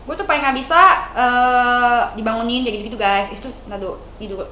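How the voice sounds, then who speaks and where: A vlogger speaking with a colloquial Jakarta Indonesian accent rants angrily to camera, scolding and confronting her viewers while repeatedly addressing them as "guys." Her voice is on the high side, sharp and quick, with slight background noise.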